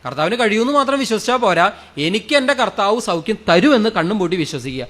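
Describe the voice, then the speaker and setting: Priest preaching hard, high voice, repeats himself, quizzes the crowd, goes loud then soft. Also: male voice, lively intonation, fast. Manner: fervent, repeats phrases, asks the crowd questions, swings loud and soft. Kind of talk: sermon. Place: church or prayer hall with a congregation.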